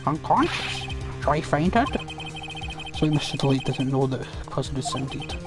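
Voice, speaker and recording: A man's voice: mid-range voice, lively intonation, normal speed. Man voicing a courtroom game. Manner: switching between courtroom characters. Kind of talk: voice-acted game playthrough. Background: music.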